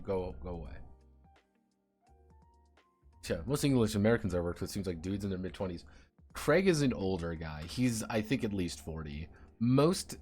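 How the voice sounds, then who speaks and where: A man streaming and chatting casually, rambling, swearing and sardonic about his teaching job. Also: lowish voice.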